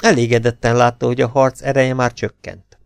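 A man narrating a pulp adventure novel in an audiobook, with a measured, even storytelling delivery on a close mic. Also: medium pitch, creaky, smooth, no room sound, faint music behind.

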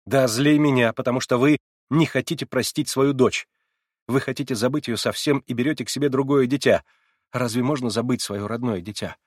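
A man reading aloud and voicing a distraught, defiant young orphan girl who shouts and sobs. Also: brisk, no echo, clean studio sound, natural voice. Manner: shrill, sobbing, shouting outbursts.

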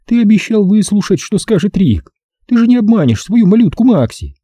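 Brief: sugary, flirtatious actress, pitched way up as a man reads her in an audiobook. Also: very animated, fairly quick, warm tone, husky, no echo, studio quality, heavily acted. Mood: coaxing. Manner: coaxing, sugary. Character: cooing, flirtatious woman film star.

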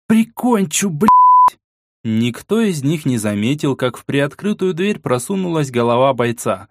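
A man narrating an audiobook in an expressive storytelling way. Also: medium pitch, normal speed, noisy background. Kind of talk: scripted narration.

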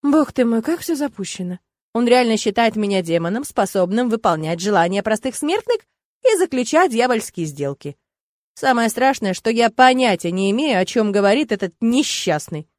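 A woman narrating a first-person audiobook in an ironic, lively, expressive way. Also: a little high, moderate pace, no room sound, clean studio sound.

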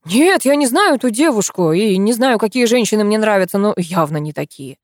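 A woman reading an audiobook, voicing a bewildered young man in a hospital bed who talks in a halting, confused way. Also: medium pitch, animated, dry recording, studio quality, voice pushed up, natural voice. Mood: confused, defiant.

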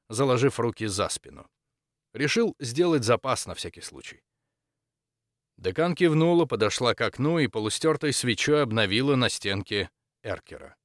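Low-voiced male audiobook narrator. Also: fairly bright tone, no room sound, studio quality. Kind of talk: scripted narration.

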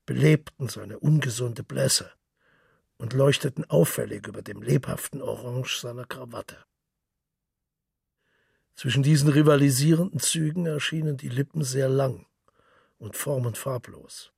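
A man reading literary narration in a measured, descriptive way, with a gravelly, raspy voice. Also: medium pitch, darkish tone, dry recording, clean studio sound.

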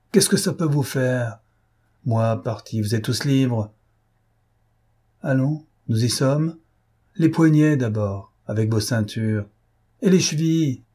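A man reading an audiobook voices a cocky adult gentleman thief who mocks and commands, his voice rising sharply on orders. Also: mid-range voice, fairly even intonation, a little slow, breathy edge. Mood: commanding. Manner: mocking, commanding, with raised voice in orders.

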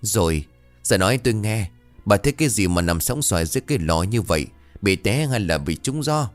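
A man's voice: lowish voice, animated, a little fast, faint music behind, close to an everyday voice. A man voicing an anxious older rural husband in a ghost story, who calls out with a trembling voice. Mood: worried.

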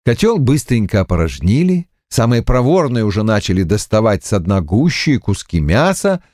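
A man narrating a classic novel as an audiobook with an expressive storytelling cadence. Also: lowish voice, moderate pace, dry recording, clean studio sound. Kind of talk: scripted literary narration.

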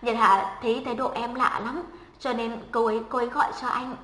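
A woman's voice: a little high, steady tone, brisk, sharp tone. A woman voicing a protective, hot-tempered young man in a storybook reading. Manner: angry then tender. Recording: echoey room with long reverb.

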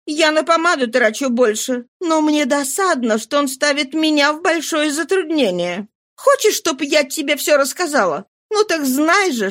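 A woman's voice: high voice, a bit bright, pitched above the performer's own voice. A woman voicing a flighty, impatient young woman who scolds and exclaims. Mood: indignant.

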